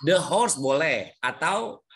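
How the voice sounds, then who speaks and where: Over a video call, a man teaches English grammar to adult learners, coaxing answers out of them, repeating what they say, and slipping English words into his explanations. His voice is a little high and a bit bright, animated yet slow.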